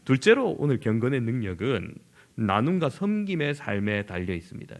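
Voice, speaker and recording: A middle-aged male pastor from southern Korea preaches with a rough, gravelly edge in his voice. His pitch rises and falls freely, and he slips into lively voices to act out conversations. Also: normal speed. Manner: animated, acts out everyday dialogue in lively voices. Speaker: senior pastor. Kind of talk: sermon.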